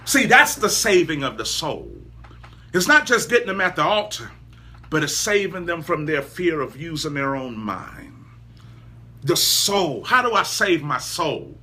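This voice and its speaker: A man preaching a sermon, emphatic, with loud rises and laughing asides. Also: a little high.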